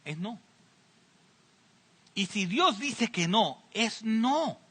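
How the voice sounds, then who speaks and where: A man's voice: sits high, lively intonation, takes it slowly, pushed and bright, husky. A man preaching a sermon as pastor, speaking earnestly to his congregation and repeating key phrases for emphasis.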